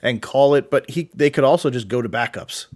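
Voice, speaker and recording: A man's voice: medium pitch, fairly quick, darkish tone. A man co-hosting a fantasy football show, chatting casually and answering viewer questions, with many fillers and restarts.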